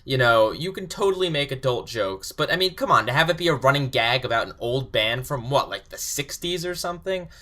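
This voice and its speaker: A man's voice: mid-range voice, lively intonation, brisk, hardly any pauses, sharp tone. A man of about twenty reviewing a cartoon episode in an exasperated, sarcastic rant.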